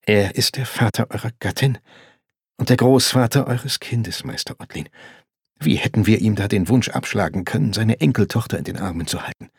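Picture a gentle young medieval noblewoman, voiced by a man. She speaks in a soothing, earnest way. The voice is low and raspy, with a gravelly edge. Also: animated, normal speed, no echo, clean studio sound, heavily acted.

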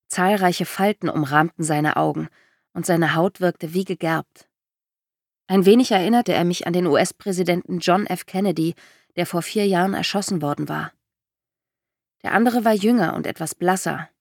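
A woman narrating a first-person novel in a steady, measured way. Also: lowish voice, dry recording, clean studio sound. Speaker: audiobook narrator.

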